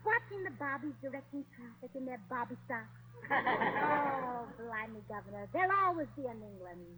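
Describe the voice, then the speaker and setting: A woman's voice: sits high, animated, normal speed, heavy background noise. A woman playing a scatterbrained American wife who fakes a posh English manner, with chirpy muddled slang in 1940s radio comedy style. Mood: giddy. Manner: chirpy, muddled fake English with blimey and governor.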